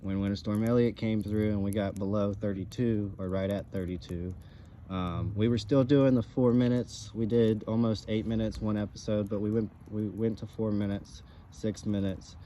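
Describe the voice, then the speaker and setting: Guy chatting casually, mellow low voice, kinda halting, bit of outdoor noise behind him. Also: steady tone. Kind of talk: casual chat. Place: outdoors by a campfire. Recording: outdoor ambient background noise.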